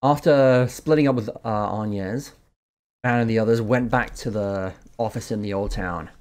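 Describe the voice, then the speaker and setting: A man's voice: on the low side, normal speed, darkish tone. A man hosting a let's-play, casually translating game dialogue aloud, loose and offhand with fillers. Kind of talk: casual live translation commentary.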